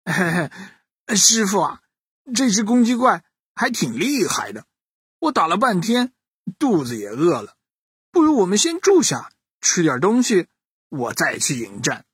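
A man's voice: sits high, wildly swooping pitch, measured pace, breathy edge, no echo, clean studio sound, exaggerated voice. A man voicing the boastful monkey king, who wails over his defeat and then talks slyly to his master, in a bedtime storybook reading. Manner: wailing, then sly and coaxing. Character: boastful male monkey king, weepy and sheepish.

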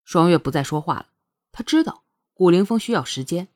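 A woman narrating a romance novel in a calm, measured storytelling voice. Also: on the low side, dry recording, studio quality. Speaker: audiobook narrator.

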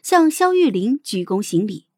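A young adult woman hosting and narrating a first-person story in a measured, expressive manner. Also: mid-range voice, husky, no echo, clean studio sound. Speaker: audiobook host and narrator.

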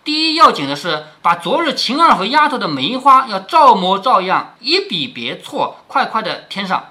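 A man's voice: high voice, big pitch swings, moderate pace, pushed and bright. A middle-aged man reading a classic novel aloud and stopping to explain it in plain talk, often asking "right?". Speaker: storyteller reading a classic novel to his daughter.

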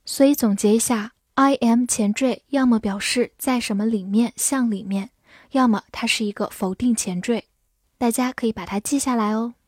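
Bright-voiced woman teaching English words. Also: a little high, no echo, studio quality. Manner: spells words letter by letter and repeats slowly. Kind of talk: scripted vocabulary lesson.

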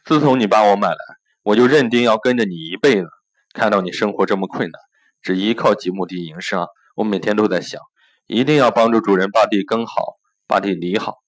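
A man's voice: lowish voice, fairly quick, close to an everyday voice, rough recording. A man voicing a sad, hardworking old ox in a spoken storybook, talking in a choked-up, plaintive way. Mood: aggrieved.

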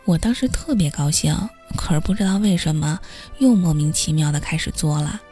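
A woman's voice: low-pitched, animated, brisk, dark tone, faint music behind. A woman reading a first-person story aloud as a podcast host, with a wry, self-mocking manner.

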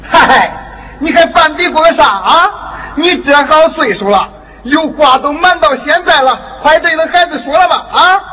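A man's voice: very high-pitched, moderate pace, bright, forceful tone. An actor playing the father's sly, jovial old friend, chatty and teasing, in Henan opera stage acting. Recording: reverberant stage from a distance.

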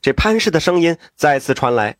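A man telling a story in a traditional storytelling style, lively with folksy asides and exclamations. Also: a little high, brisk, dry recording, studio quality.

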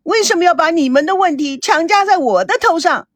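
A woman's voice: extremely high pitch, animated, a little fast, no echo, pitched above the performer's own voice. A woman voicing an adult daughter who screams in frantic despair in a hospital room. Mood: screaming.

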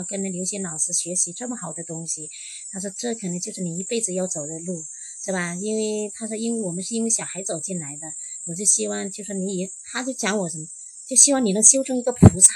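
A woman's voice: medium pitch, breathy edge, poor audio. A middle-aged woman from Jiangxi, an interview guest telling a personal story and acting out the conversations she recounts. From Jiangxi, China. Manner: lively retelling, acting out quoted dialogue.

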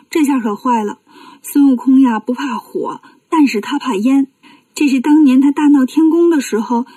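Woman storyteller for children, expressive, close dry recording. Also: sits high, no room sound, far from the mic.

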